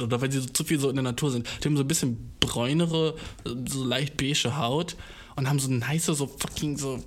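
Slangy young man, animated storytelling. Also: a little high. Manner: slangy, swears a lot, mixes in English; animated, jumps into exaggerated voices. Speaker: podcast host. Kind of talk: casual comedic storytelling.

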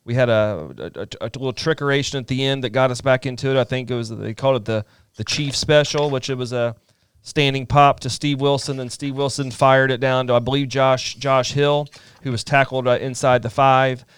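A man co-hosting a casual sports talk, recalling things in a rambling, halting way. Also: mid-range voice, steady tone, smooth, no echo. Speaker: podcast co-host.

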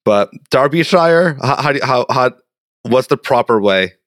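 A man's voice: mid-range voice, normal speed, a bit bright, no echo, clean studio sound. A man with a Boston accent hosting a podcast interview in a chatty, self-deprecating way over a video call. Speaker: podcast host. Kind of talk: casual interview.

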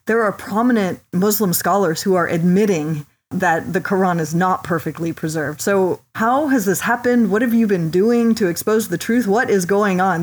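A woman co-hosting an interview over a video call, asking questions in an enthusiastic way. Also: lowish voice. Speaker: co-host.

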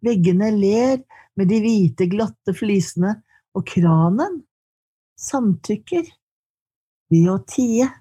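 A woman reading her poetry aloud in slow, measured lines, then answering questions in conversation. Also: mid-range voice, expressive, mellow, husky. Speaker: poet and guest.

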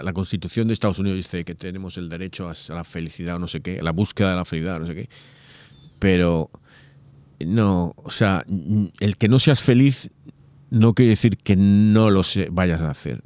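A man's voice: deep voice, no room sound. A man in a casual religious conversation, talking animatedly and acting out quoted voices. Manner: animated, acts out quoted voices, many asides.

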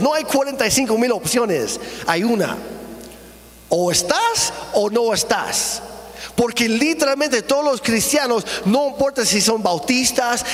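Emphatic preacher in an echoing hall. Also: male voice, very high-pitched, a bit bright. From not from here, speaks with an accent. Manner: earnest, emphatic preaching with rhetorical questions. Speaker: pastor. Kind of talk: sermon. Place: church auditorium.

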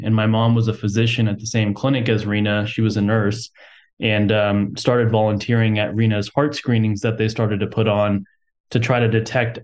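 A man's voice: on the low side, a little mellow. A young man from Texas, a company co-founder, talking casually as a podcast guest with lots of "um"s and a self-deprecating humor. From Texas, USA.

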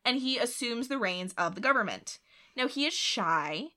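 A woman co-hosting a podcast, casually telling history with frequent laughs and quick voiced asides. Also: a little high, expressive, pushed and bright. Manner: chatty, laughs often, voices quoted figures in asides. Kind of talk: casual chat.

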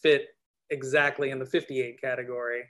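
A man's voice: mid-range voice, flat delivery, moderate pace, a bit bright. A man from Brooklyn, New York, chatting casually as a guest, often restarting his words. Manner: hesitant, repeats words. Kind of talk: casual group chat.

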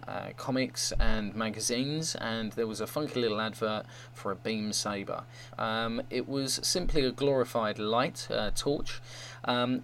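A man's voice: on the low side, gravelly, sharp tone, low-quality recording. A man hosting a fan show, giving an informal review and report. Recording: faint hum and noise.

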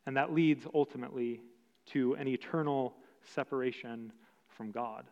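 A man preaching a sermon as pastor, slow and emphatic with long pauses. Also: mid-range voice, darkish tone. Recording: dull sound with long hall reverb.

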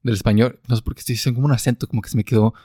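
A man with a Mexican accent co-hosts a relaxed chat and slips in slang as he jokes. His voice sits at a middle pitch, recorded dry and close. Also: rapid-fire, breathy edge, no echo. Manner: joking, Mexican slang like "güey" and "chale". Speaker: co-host. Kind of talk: casual chat.

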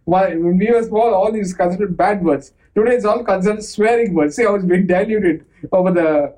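A man's voice: high-pitched, fairly quick, warm tone, rough recording. A man co-hosting a podcast in casual chat, laughing often and groping for words. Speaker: podcast co-host.

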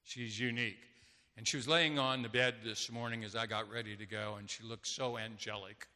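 A man's voice: lowish voice, steady tone, a little fast, bright, forceful tone. An older man preaching a sermon as pastor, talking conversationally with homely stories. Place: church sanctuary. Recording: long church reverb.

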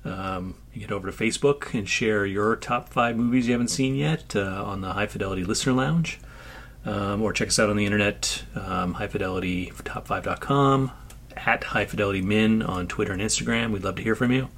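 Brief: male podcast host, slightly low voice, casual rambling delivery, faint room noise. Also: a little fast, fairly bright tone. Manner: laughing, rambling storyteller.

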